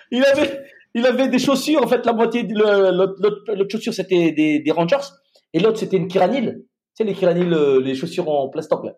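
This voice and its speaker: A man, a former soldier, recounting his experience in a casual conversation, halting with restarts and fillers. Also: high-pitched, a little mellow. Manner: halting, many restarts and fillers, vivid retelling.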